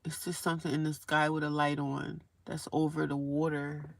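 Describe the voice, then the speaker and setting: Faint traffic can be heard as a woman streams live from her car, parked by a highway. Her low-pitched, creaky voice has a flat delivery at normal speed, and she chats casually, repeats herself, and reads comments aloud.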